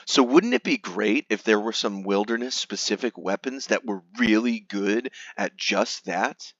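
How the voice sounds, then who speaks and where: A man reads aloud in a hammy, theatrical stage-actor manner, mock-grave, with emphatic swells and hushed drops. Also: fairly low pitch, lively intonation, unhurried, no room sound, highs cut off. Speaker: reader of a gamer's forum post. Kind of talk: theatrical dramatic reading.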